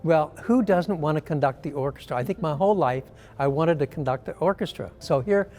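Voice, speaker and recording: A man's voice: a little high, fairly quick, faint music behind. An older man, a former artistic director of a ballet company, telling a funny backstage story with plenty of "um" fillers over a video call. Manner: animated storyteller, lots of "um" fillers. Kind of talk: casual anecdote in a conversation.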